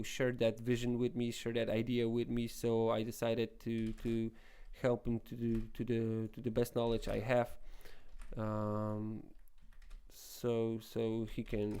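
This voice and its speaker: A young Polish man, a non-native English speaker with a Polish accent, hosts a casual screen-recorded web development tutorial, rambling with many restarts and fillers. His mid-range voice has a dark tone, and the recording is clean.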